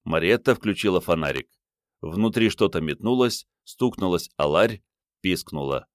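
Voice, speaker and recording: A man narrating an audiobook in a steady, measured reading. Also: deep voice, no echo, studio quality. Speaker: audiobook reader.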